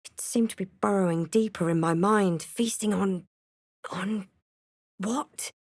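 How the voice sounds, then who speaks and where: A woman playing a wry, guarded adventurer heroine in a fantasy game, with a measured, dramatic delivery. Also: mid-range voice, darkish tone, no room sound, studio quality. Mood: grave narration. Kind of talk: scripted fantasy game voice lines and narration.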